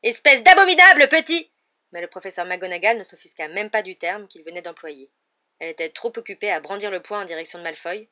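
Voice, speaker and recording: A woman reads a novel aloud in a lively storytelling manner, her voice sitting fairly low. The recording is close to the mic but muffled and lo-fi. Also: fast. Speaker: audiobook narrator. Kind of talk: scripted narration of a novel.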